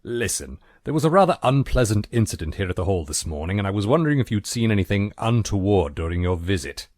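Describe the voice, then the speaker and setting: An actor playing a prim, long-suffering butler with formal, dry politeness in a game. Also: male voice, on the low side, big pitch swings, fast talker, darkish tone, no room sound. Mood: dry, polite.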